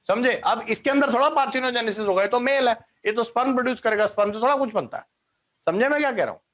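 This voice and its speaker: A man's voice: very high voice, fast talker, fairly bright tone. A man giving an online biology class, explaining step by step, mixing in English science terms and often checking that students follow. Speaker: biology teacher.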